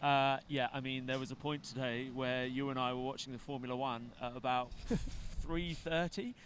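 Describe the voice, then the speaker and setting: A male event co-host signing off from an outdoor stage at night. His voice is middle-pitched and his banter is easygoing. A faint background noise sits under his voice. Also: steady tone, moderate pace, a bit bright. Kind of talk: live event hosting.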